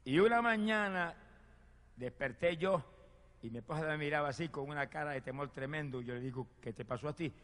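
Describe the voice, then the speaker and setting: A man preaching a sermon and telling his own testimony, fervent, swinging from loud exclamations to hushed storytelling. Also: medium pitch, quick pace. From Puerto Rico. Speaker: evangelist preacher. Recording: long hall reverb.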